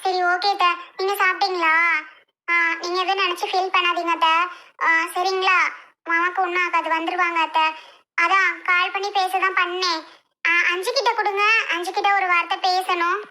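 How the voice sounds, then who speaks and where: A woman playing a chirpy young woman in a homemade family skit, eager and a little pleading in tone. The voice is pushed very high and bright. The scene has the feel of a simple home-made family drama. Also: level tone, moderate pace.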